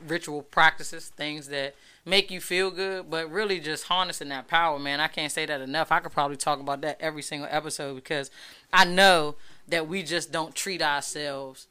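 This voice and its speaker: Woman radio host, emphatic, casual, bright and smooth voice. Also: deep voice, moderate pace. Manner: emphatic, animated, keeps asking "you know what I'm saying".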